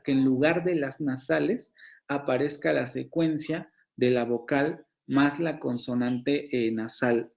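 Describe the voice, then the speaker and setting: A man's voice: on the high side, vocal fry, highs cut off. Mexican man teaching phonetics. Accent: Mexican Spanish. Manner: explanatory, repeats and restarts words while demonstrating sounds. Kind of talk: online lecture.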